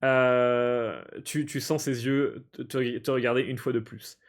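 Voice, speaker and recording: A male streamer playing a game live, translating its text aloud in a halting, hesitant way and often breaking into amused laughter. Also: mid-range voice, fairly even intonation. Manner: halting and hesitant, stumbling over words while translating.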